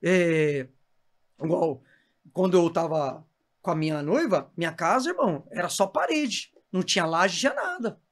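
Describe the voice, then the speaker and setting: A man's voice: high-pitched, lively intonation, normal speed. A man with a Brazilian Portuguese accent, a missionary preacher telling his faith testimony with fervor and calling the listener brother.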